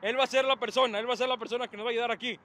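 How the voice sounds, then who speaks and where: A young man reacts to a match outdoors in a city, speaking into a handheld camera. His voice sits very high and sounds bright and forceful. He moves from calm play-by-play to bursts of shouting. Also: very fast. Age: young adult. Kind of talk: live sports reaction commentary.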